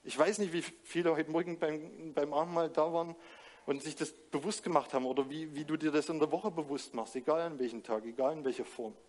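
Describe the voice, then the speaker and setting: A man's voice: a little high, steady tone, a little fast, a little mellow. A man preaching a sermon, speaking earnestly and directly to his listeners with many rhetorical questions. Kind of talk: sermon with closing prayer.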